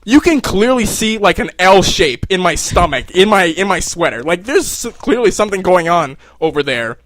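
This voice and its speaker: Young man, high voice, rambling self-mocking anecdote, dry close sound. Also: sing-song, normal speed, fairly bright tone, no room sound. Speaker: storyteller. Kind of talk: casual personal anecdote.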